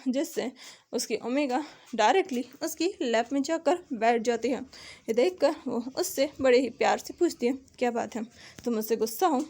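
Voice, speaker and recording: A woman's voice: high-pitched, warm tone. A woman narrating a story retelling in a conversational way, sometimes correcting herself.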